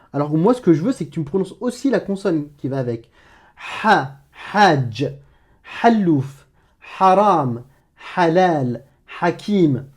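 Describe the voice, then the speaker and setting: A man's voice: fairly high pitch, dark tone. A man teaching Arabic pronunciation to beginners, patiently repeating sounds with frequent hesitations.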